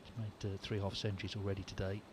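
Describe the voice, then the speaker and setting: A man giving measured, understated snooker commentary in a hushed voice. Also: sits low, flat delivery, background noise.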